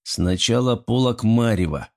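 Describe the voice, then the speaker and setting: A man voicing a stern, blunt young prince with a gruff, curt way of speaking. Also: mid-range voice, lively intonation, unhurried, darkish tone.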